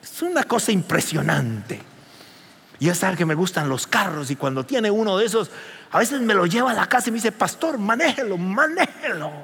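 A man preaching a sermon as pastor, animated and rising to near shouts. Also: high-pitched, brisk, gravelly, in a large hall, slight background noise.

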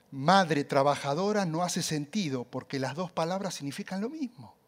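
Man preaching, animated storytelling, loud cries and soft asides, slightly high voice. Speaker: pastor. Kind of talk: sermon.

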